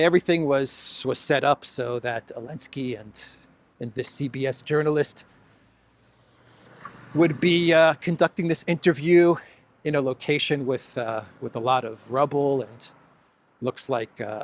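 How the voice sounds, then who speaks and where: A man giving casual solo commentary as host, chatty and sarcastic, with many fillers and restarts, laughing at his own jokes. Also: a little high.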